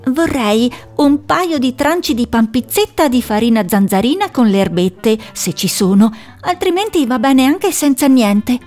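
A woman voicing a nervous young female owl who talks high and flustered. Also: lively intonation, a little slow, few pauses, a little mellow, faint music behind.

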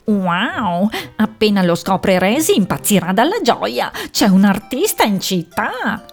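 A woman's voice: mid-range voice, very animated, normal speed, soft background music. A woman voicing a male duck who is a kindly deputy mayor, friendly and reassuring. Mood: delighted.

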